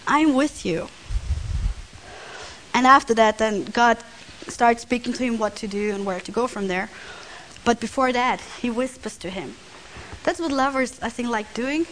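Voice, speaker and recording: A woman preaching a sermon in a conversational way, sometimes dropping to a soft, hushed voice. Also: on the high side, a little hiss or hum, low-quality recording. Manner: conversational, drops to near whisper on quiet lines.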